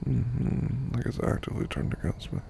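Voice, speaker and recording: Man, very gravelly, dark, slow drowsy whispers, hungover murmur. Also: medium pitch, monotone, slight background noise. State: hungover and half asleep. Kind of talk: intimate whispered audio roleplay.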